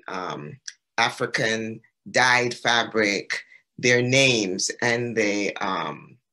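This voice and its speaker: A man from the Caribbean speaks as an exhibiting artist in an online gallery talk. His voice is bright and forward, and he explains things in a loose, storytelling way, pausing on ums. The sound comes through a video call. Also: mid-range voice.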